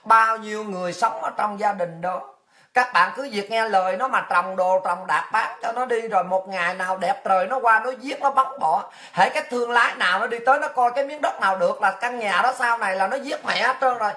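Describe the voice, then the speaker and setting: A woman ranting in a livestream monologue, fiery and crude, swinging between shouting and slow solemn warnings. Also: mid-range voice. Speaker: online political commentator.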